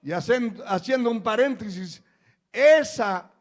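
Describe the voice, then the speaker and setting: A male pastor preaching a sermon, moving from quiet asides to shouted proclamations and acting out the cries of people in the story. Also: sits high, expressive, measured pace. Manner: acts out quoted cries of a frightened servant.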